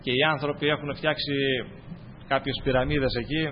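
A man's voice: mid-range voice, level tone, slight background noise. A man preaching a sermon to his congregation, building his points through fervent, repetitive lists. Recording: dull lo-fi recording.

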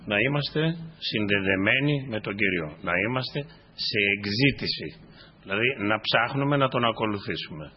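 A man preaching a sermon to his congregation, dropping to quiet asides and then rising into sudden emphatic bursts. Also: medium pitch, husky. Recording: dull lo-fi recording.

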